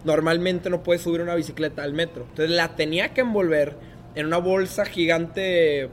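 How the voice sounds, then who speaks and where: Young mexican guy telling a story, kinda high voice, acts out the other people, low rumble in the back. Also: steady tone, normal speed. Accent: Mexican Spanish. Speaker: guest. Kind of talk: casual storytelling interview.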